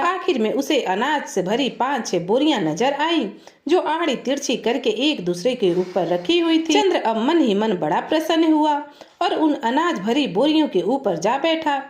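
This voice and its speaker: A woman storyteller reading a folk tale in a steady, clear narration. Her voice is high and very lively in pitch. The room around her sounds echoey.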